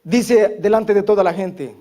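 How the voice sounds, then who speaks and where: A man's voice: high-pitched, measured pace, mellow. A man preaching a sermon at a church service, driving his points home with emphatic, repetitive phrasing.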